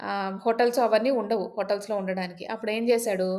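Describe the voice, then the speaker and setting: A woman's voice: medium pitch, steady tone, fast, darkish tone. A woman storyteller telling a folk tale in a chatty, casual way, with many fillers and asides.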